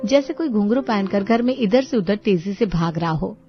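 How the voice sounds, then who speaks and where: A woman narrating an animated storybook in a steady, storytelling manner. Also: mid-range voice, moderate pace. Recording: dull lo-fi audio with music.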